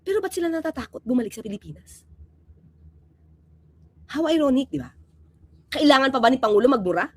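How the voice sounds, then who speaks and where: Speaking high and fairly quickly with frequent pauses, a woman hosts a casual vlog of political commentary. Her delivery is emphatic and animated, swinging from loud to quiet, and she often asks viewers the rhetorical "di ba?"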